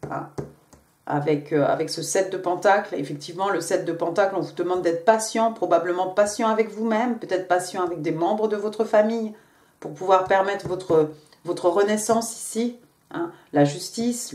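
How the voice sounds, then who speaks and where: A tarot card reader with an English accent gives a casual reading in French, chatty and full of hesitations and restarts. Her mid-range voice is a little mellow and reverberant.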